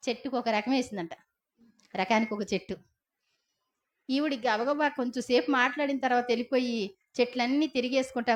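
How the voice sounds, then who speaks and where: A middle-aged woman preaching a sermon in a chatty, storytelling way, often asking her listeners questions. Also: a little high. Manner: conversational preaching with rhetorical questions and tag questions.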